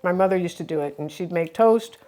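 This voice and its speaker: Lower-voiced woman hosting a food vlog. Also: brisk, warm tone. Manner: chatty, explains each food. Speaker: vlog host. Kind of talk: casual taste-test chat.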